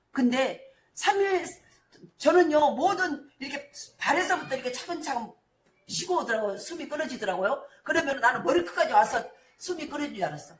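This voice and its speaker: A middle-aged woman pastor preaching a sermon, moving between hushed storytelling and shouted declarations. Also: a little high, slight background noise. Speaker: senior pastor. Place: church sanctuary. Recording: echoey church hall.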